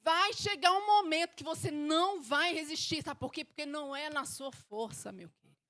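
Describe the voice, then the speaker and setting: High-voiced woman preaching, animated. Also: normal speed. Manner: animated, acts out prayers and inner voices, swings from loud to hushed. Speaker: pastor. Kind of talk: sermon.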